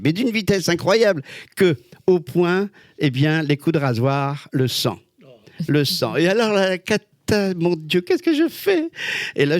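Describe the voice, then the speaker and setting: An older man, a guest, telling lively anecdotes with exclamations and quick voice changes. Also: a little high, no room sound, studio quality. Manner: expressive storyteller, many voices and exclamations. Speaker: guest, celebrity lookalike. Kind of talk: animated anecdotal chat.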